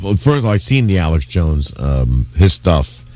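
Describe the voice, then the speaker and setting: A man with a slightly low, very animated voice chats as a radio commentator. His delivery is casual political talk, with pitch that moves widely. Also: moderate pace.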